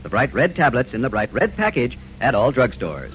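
A male announcer delivers a chipper 1950s radio ad with widely swooping, animated pitch. His delivery is emphatic, on an old broadcast recording with music. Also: normal speed, low-quality recording.

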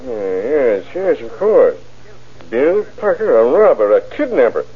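A flustered father in a vintage radio drama, hesitant and evasive. His husky voice swings up and down, heard through a narrow, phone-like recording. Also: medium pitch, very animated, measured pace. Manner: hesitant, stammering. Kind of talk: old-time radio acting.

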